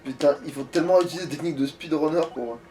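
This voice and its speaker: A man's voice: fairly high pitch, racing, warm tone, faint music behind. A man hosting a casual let's-play, chatting crudely and swearing as he plays. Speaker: gaming video host, playing. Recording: faint background noise.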